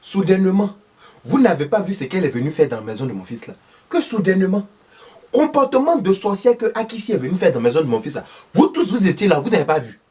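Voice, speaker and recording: Comedy role: a man playing a husky, fiery older Ivorian mother, high and very lively, from a distant mic. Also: quick pace, heavily acted. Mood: indignant. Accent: Ivorian French. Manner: loud, insistent, exclaiming.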